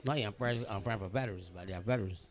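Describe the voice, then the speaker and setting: A man's voice: lowish voice, racing. A man giving casual, bantering cricket commentary, colloquial and emphatic, often repeating himself.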